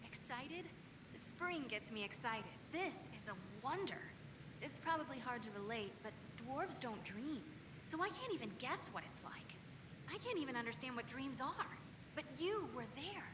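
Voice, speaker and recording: A woman's voice: high-pitched, lively intonation, moderate pace. An actress voicing an eager young female dwarf arcanist who gushes and rambles apologetically. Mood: excited. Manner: bubbly, gushing, apologetic rambling. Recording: distant game audio with noise.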